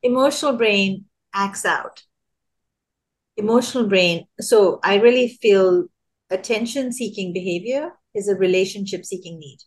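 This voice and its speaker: An animated woman explains early childhood ideas in a relaxed podcast chat. She jumps into quoted scolding lines with a lifted, emphatic voice, then drops back to an even, mid-range tone. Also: medium pitch, a little slow. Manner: animated, acts out adults' scolding lines in a raised voice. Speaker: guest, early childhood education speaker. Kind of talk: conversational podcast interview.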